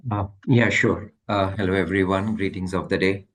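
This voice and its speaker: A man's voice: deep voice, fairly even intonation, moderate pace. A man in continuous improvement work introducing himself over a video call, formal and courteous.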